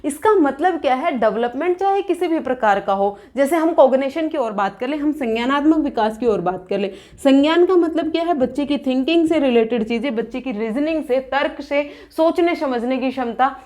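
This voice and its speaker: High-voiced woman teaching an exam lesson. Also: expressive, fairly quick, few pauses, darkish tone. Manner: explains by asking questions and answering them; restates terms in both English and Hindi. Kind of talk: exam-prep lecture.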